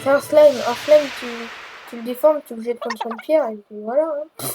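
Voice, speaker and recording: Brief: high-pitched woman gamer, casual chatty commentary, teasing the game's text. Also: moderate pace. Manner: chatty, mocking the game text. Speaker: gamer playing a game on video. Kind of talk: casual let's play commentary. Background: game music.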